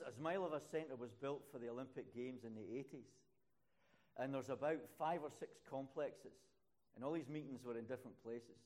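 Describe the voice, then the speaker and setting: An older man preaches a sermon and tells stories from his ministry, his voice rising to loud, high peaks whenever he stresses a point.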